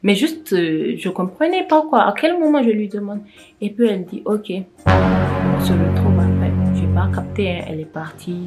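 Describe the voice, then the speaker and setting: A woman's voice: mid-range voice, expressive, normal speed, loud music behind the voice. Tired young woman, rambling storytime. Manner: rambling, with frequent restarts and self-corrections. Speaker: vlogger telling a personal story. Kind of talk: casual storytime vlog.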